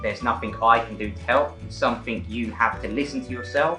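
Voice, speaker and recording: A man's voice: medium pitch, very slow. A man with a British accent teaching English pronunciation, correcting mistakes emphatically and drawing out his words. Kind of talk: slow, deliberate teaching. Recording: echoey room with background music.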